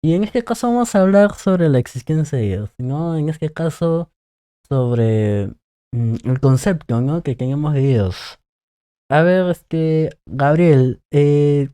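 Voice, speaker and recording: A man's voice: fairly high pitch, expressive, slow, warm tone, clean tone, no echo, studio quality. A man hosting his channel, introducing a guest and asking questions in a friendly, hesitant way. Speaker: channel host. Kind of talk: conversational interview.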